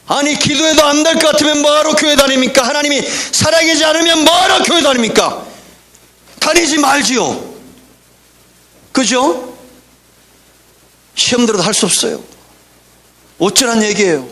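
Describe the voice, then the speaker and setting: A male pastor delivering a fiery church sermon in a strikingly high voice. His tone is bright and cutting, and he swings from pointed rhetorical questions to sudden shouted bursts. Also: normal speed, long pauses. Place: church sanctuary.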